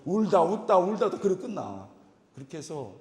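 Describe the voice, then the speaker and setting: A male pastor tells stories from the pulpit at a retreat service, voice climbing and dropping with lively expression. He slips into the voices of the people he describes and breaks into exclamations. The sound is roomy, with a long reverb tail from the hall. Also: high-pitched, moderate pace. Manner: animated, imitates people in his stories, exclaims. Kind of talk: lively storytelling sermon.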